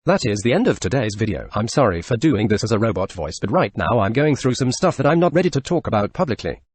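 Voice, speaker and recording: A synthetic male text-to-speech voice narrating forum posts, reading short posts back to back in even sentences. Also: lowish voice, fast, breathy edge, no echo.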